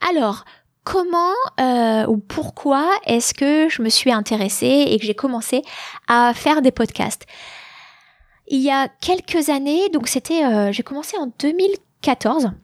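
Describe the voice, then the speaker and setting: A woman's voice: a little high, no room sound. A woman from France hosting her podcast in a casual, hesitant monologue with many fillers, on a large studio mic. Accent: French with slight English influence. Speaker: podcast host. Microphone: large studio mic with headphones.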